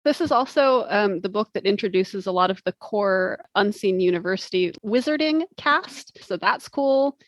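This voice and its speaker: A woman's voice: mid-range voice, lively intonation, normal speed, hardly any pauses, no room sound, rough recording. A woman co-hosting a book podcast, chatting casually in a wry, informal way. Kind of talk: casual chat.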